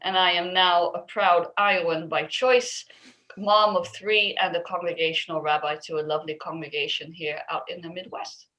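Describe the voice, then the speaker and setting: A woman's voice: fairly low pitch, steady tone, normal speed, pushed and bright, rough recording. A woman, a congregational rabbi and podcast co-host, introducing herself in a composed, fluent way. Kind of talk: casual podcast self-introduction.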